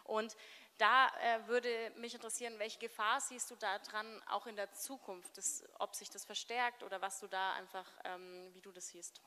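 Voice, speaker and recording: A woman moderates a live café event, posing questions in a conversational, halting way. Her voice is bright and forward. A long room reverb trails after it. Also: medium pitch, steady tone. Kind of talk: stage interview. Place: café event stage before an audience.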